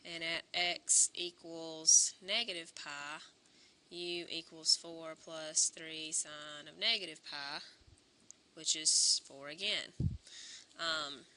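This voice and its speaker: A woman teaching a calculus lesson, slightly hoarse and clearing her throat, talking through each step aloud and correcting herself as she goes. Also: low voice, fairly even intonation, slow pace, pushed and bright. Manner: talks through steps aloud, self-correcting. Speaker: math teacher.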